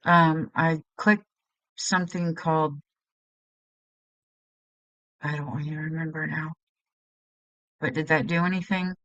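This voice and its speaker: A woman's voice: deep voice, level tone, takes it slowly, long pauses, a bit bright, no echo, muffled recording. A woman hosting a casual live stream, chatting in a scattered way and greeting viewers as hun.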